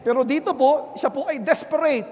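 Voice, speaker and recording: Male pastor, Filipino accent, very high voice, church sermon, long hall reverb. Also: moderate pace. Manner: punctuates nearly every phrase with "Amen?" to the congregation; swings from quiet earnest talk to loud, emphatic preaching. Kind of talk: bilingual Sunday sermon. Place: church sanctuary. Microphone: handheld microphone.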